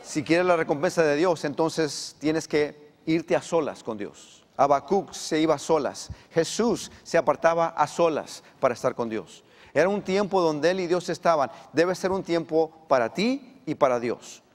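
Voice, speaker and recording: A pastor delivering a sermon in a high, ringing voice that carries a long reverb through the church sanctuary. He preaches with animation and pushes his voice upward and louder to stress his points. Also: moderate pace. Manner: animated preaching, voice climbs for emphasis.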